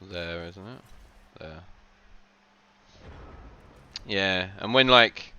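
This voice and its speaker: Low-voiced rambling male game commentator. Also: extremely slow, sharp tone, highs cut off, slight background noise. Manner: rambling, lots of "like" fillers, frequent laughs.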